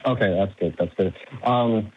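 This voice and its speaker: A man's voice: fairly low pitch, moderate pace, a little hiss or hum. A man calling in to a show, his voice muffled and fuzzy as if heard through a door, talking earnestly and courteously. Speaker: caller to a call-in show. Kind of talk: call-in conversation. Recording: muffled, fuzzy phone-like call line.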